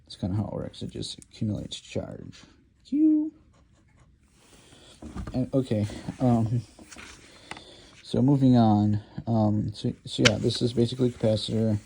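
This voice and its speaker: Gravelly, hesitant man giving a lecture. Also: mid-range voice, flat delivery, normal speed, dark tone. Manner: hesitant, many ums and restarts. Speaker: lecture host. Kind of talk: rambling informal lecture while drawing.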